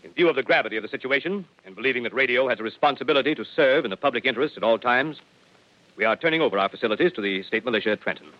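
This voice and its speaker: A man's voice: medium pitch, animated, racing, lightly acted. A man playing a grave broadcasting executive, reading stiffly and solemnly in old 1930s newsreel radio style. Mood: solemn, official. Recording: dull vintage 1930s radio recording.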